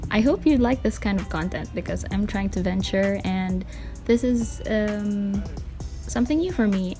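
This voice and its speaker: Mellow Filipino woman, dictaphone-recorded podcast. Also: medium pitch. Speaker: podcast and vlog host. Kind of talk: casual solo podcast Q&A. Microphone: handheld voice recorder, dictaphone. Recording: voice recorder with music behind. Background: music.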